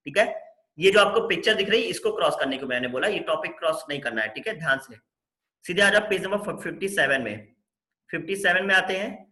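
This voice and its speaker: Indian guy teaching, walks through the syllabus step by step, bright voice, kinda high, echoey room. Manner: instructive, repetitive directions, mixes Hindi with English terms. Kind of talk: online syllabus walkthrough lesson.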